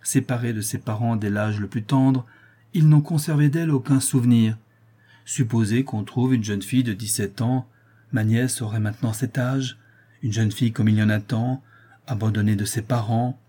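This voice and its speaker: Un homme jouant une comtesse intrigante. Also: male voice, medium pitch, fairly even intonation, moderate pace, mellow, slightly rough, close to an everyday voice. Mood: persuasive. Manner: pleading then coldly threatening. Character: scheming haughty aristocratic woman, persuasive.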